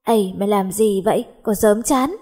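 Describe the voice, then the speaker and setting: A playful, mischievous teenage girl, played by a woman reader who is often lazy and sleepy. The voice is dark and slightly husky. She speaks lightly and teasingly. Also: mid-range voice, normal speed, natural voice.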